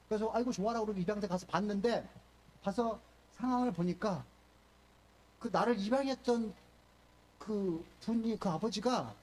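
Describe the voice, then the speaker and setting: An older male pastor giving a sermon, telling stories with animated delivery and acting out quoted speech. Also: high-pitched, slight background noise. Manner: animated storytelling, voices quoted speech, fillers and restarts.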